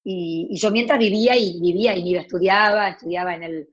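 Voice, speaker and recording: A woman's voice: mid-range voice, a little fast, dull audio. A woman in her forties with a Rioplatense Argentine accent, an actress chatting casually about her life, with many restarts and asides. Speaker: actress guest. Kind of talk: casual storytelling chat.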